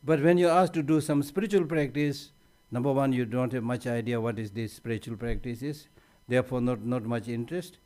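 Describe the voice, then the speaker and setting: A man teaching on meditation at a conference, conversational, often repeating words as he restarts a phrase, with gentle humor. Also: mid-range voice, steady tone, brisk. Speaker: Buddhist teacher.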